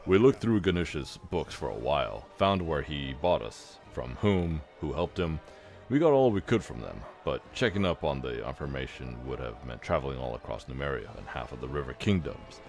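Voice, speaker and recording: A man voicing a gruff, sardonic male half-orc warrior in a fantasy game, with a deep, gravelly, drawling voice. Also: lively intonation, moderate pace, a little mellow, soft background music. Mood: wry.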